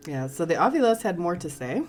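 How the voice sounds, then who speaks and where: A woman's voice: fairly low pitch, brisk, slight background noise. A woman guest on a podcast, recounting a ghost hunt and laughing easily. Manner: lively storyteller, laughs easily. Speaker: history tour guest. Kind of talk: casual podcast chat.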